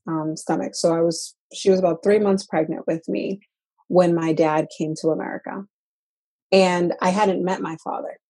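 A woman's voice: lowish voice, warm tone. A woman from the Dominican Republic sharing her story as a guest in an interview, earnest and reflective, often repeating and restarting her words. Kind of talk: personal interview.

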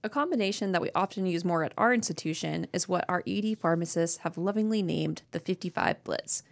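A woman's voice: on the low side, a little fast, creaky. A woman hosting a medical podcast, presenting scripted educational material in an upbeat corporate training video manner.

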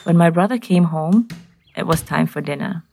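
A woman from Nairobi with a Kenyan accent, narrating a scripted personal story in clear, simple short sentences. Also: lowish voice, normal speed, darkish tone.

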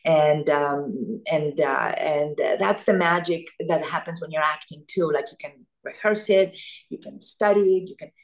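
A woman from Italy, an actress talking as an interview guest, thoughtful and animated, often searching for words. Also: sits low, measured pace. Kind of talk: casual interview chat.

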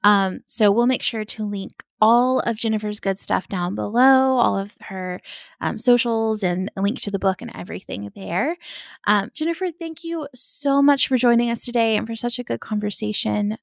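A woman hosting a casual interview, asking quick, upbeat questions. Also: medium pitch, creaky, no echo, clean studio sound. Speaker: podcast host.

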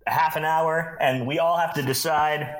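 A man's voice: a little high, steady tone, measured pace, a bit bright. A man in casual chat who eagerly leads the discussion as a podcast co-host. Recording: roomy echoey recording.

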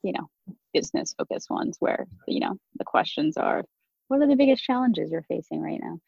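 A woman CEO guesting on a podcast chats casually in a conversational interview, laughing easily and using lots of "like" fillers. Her mid-range voice is animated and fairly quick, with vocal fry, a darkish tone and slight roughness. The sound is dry and dull lo-fi with no echo.

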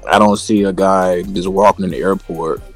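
A man's voice: deep voice, steady tone, normal speed, soft background music. A man co-hosting a casual sports talk show, rambling and leaning heavily on "you know" and "like I said".

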